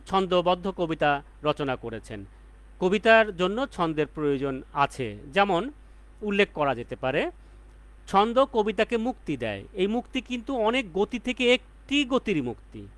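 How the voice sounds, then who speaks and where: A man's voice: high voice, a bit bright. A man teaching a poetry class as the instructor, explaining step by step and repeating key points for emphasis. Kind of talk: lecture.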